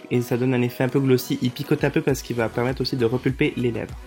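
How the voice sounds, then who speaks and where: A tired man talks casually through a makeup tutorial, voice of middle height. He stumbles over words and corrects himself as he goes. Soft music plays faintly behind him. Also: medium pitch, steady tone, fast talker. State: tired late at night. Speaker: makeup vlogger.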